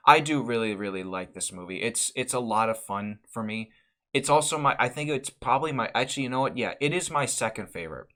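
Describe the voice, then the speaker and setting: A man's voice: medium pitch, lively intonation, fairly quick, pushed and bright. A man hosting a casual vlog where he ranks movies, talking in a rambling way with frequent restarts and repeated words while giving candid opinions. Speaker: channel host.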